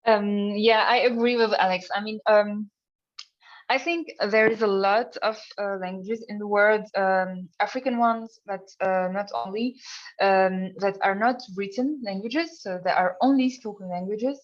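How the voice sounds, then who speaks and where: A woman from Tunisia, a guest on a tech panel, speaking hesitantly with many pauses and fillers. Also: mid-range voice, fairly even intonation, highs cut off. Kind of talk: panel discussion.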